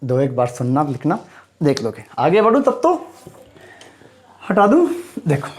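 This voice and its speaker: Grammar teacher guy, bit high voice, keeps repeating words and quizzing you. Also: very animated, measured pace. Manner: emphatic, repeats terms and quizzes the viewer. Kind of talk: classroom grammar lesson.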